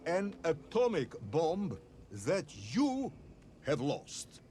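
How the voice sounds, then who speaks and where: A man's voice: high-pitched, big pitch swings, extremely slow, warm tone, a little hiss or hum, full character voice. An actor playing a stern male general in a video game who questions his subordinate in clipped, commanding lines. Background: game music.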